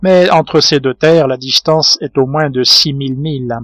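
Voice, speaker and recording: A man reading a novel aloud in measured scripted narration, lightly voicing the characters. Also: mid-range voice, a bit bright, no echo, studio quality. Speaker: audiobook reader.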